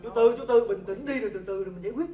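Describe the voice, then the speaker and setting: An actor playing an eager, obliging helper who calms the crowd in a stage comedy sketch. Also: male voice, high voice, very fast, echoey room, far from the mic, faint music behind, close to an everyday voice. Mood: soothing. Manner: obliging, soothing.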